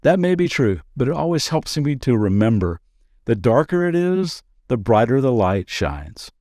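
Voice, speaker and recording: Male pastor, devotional podcast, earnest and chatty, middle pitch, dry close studio sound. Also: sing-song, darkish tone, no room sound. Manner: conversational and earnest, with quick asides and playful jokes. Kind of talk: daily devotional podcast teaching.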